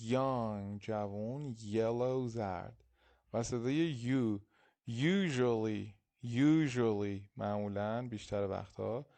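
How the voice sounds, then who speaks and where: A man teaching an English lesson, reading example sentences slowly and translating them quickly. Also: medium pitch, warm tone. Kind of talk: casual lesson explaining in Persian.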